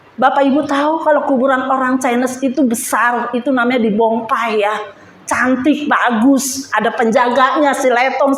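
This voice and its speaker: A woman's voice: sits high, echoey room. A woman giving an emotional church testimony, speaking fervently and addressing the congregation directly.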